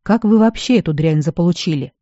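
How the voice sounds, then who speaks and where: A reader doing a weary old army healer. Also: male voice, a little high, expressive, a little fast, no echo, highs cut off, close to an everyday voice. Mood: gently lecturing. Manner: gruff scolding, then gently fatherly. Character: weary middle-aged male garrison healer. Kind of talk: audiobook character voice.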